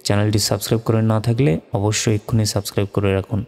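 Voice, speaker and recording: A man teaching Quran reading, spelling out Arabic letters and vowel marks one at a time and breaking into melodic recitation, in a slow, patient, methodical way. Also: fairly low pitch, flat delivery, creaky, darkish tone, in a large hall. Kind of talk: spelling out Arabic letter by letter, then chanting the verses.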